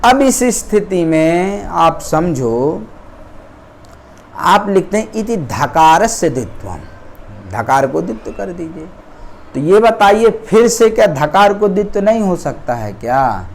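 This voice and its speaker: Slow, deliberate male grammar teacher. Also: sits high, big pitch swings, slight background noise. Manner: slow, deliberate, checks understanding often. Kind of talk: explaining grammar rules to students.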